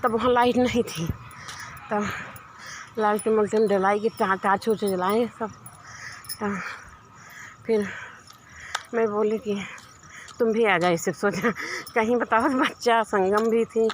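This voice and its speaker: A woman's voice: medium pitch, fairly even intonation, unhurried, long pauses, a little hiss or hum. A woman telling a long personal story in a casual, rambling way, repeating herself and laughing often. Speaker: vlogger.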